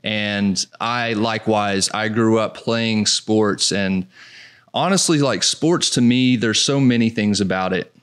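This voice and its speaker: Male host, 40s, low and resonant, reflective interviewer who restarts words as he goes. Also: slow, fairly bright tone, smooth. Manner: thoughtful, restarts words mid-sentence. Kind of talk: casual interview conversation.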